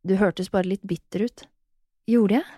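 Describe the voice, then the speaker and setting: A woman doing a calm, teasing male stranger. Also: no echo, natural voice. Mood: probing. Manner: low-key, teasing questions. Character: calm, self-assured young male stranger.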